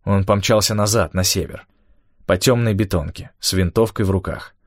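A man narrating an audiobook in a steady, measured first-person storytelling manner. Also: deep voice, no room sound.

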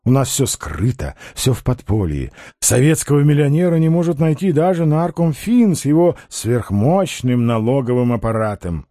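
Guy doing a smooth ironic swindler, big swoopy delivery, warm low tone, super dry sound. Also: expressive, normal speed, few pauses, no echo, close to an everyday voice. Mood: dreamy. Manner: ironic, grandly eloquent. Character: smooth, ironic male con man, adult, self-assured schemer.

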